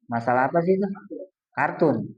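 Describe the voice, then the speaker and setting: A man's voice: mid-range voice, lively intonation, normal speed. A man preaching a casual, colloquial sermon to a congregation, earnest and speaking directly to his listeners. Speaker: Islamic preacher. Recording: distant dull lo-fi recording.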